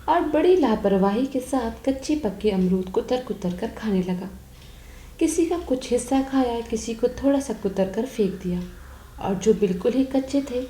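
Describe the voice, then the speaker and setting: Woman reading a story out, soft and mellow, highish voice, echoey muffled audio. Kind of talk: reading a literary short story aloud. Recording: roomy, dull lo-fi recording.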